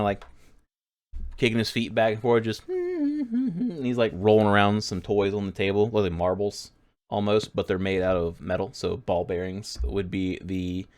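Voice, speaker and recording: A man narrating a tabletop game as game master, rambling with lots of fillers. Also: lowish voice. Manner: rambling, filler-heavy, laughs a lot.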